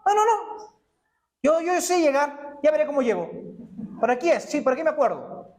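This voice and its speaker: A man's voice: very high-pitched, big pitch swings, moderate pace, darkish tone, voice pushed up. A preacher putting on a stubborn boastful man. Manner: insistent, stammering self-assurance. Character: stubborn boastful man refusing any help.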